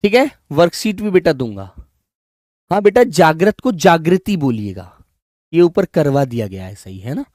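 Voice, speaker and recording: A man with a fairly high voice teaches an online language class, recorded dry and close. He calls his students "child", repeats each word slowly, and keeps nudging them along. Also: very animated, a little mellow, dry recording. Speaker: Hindi teacher.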